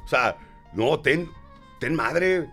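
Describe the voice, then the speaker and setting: A man's voice: fairly high pitch, animated, extremely slow, fairly bright tone, husky, faint music behind. A Mexican man co-hosting a casual comic chat, joking, cursing freely and acting out little voices. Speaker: co-host.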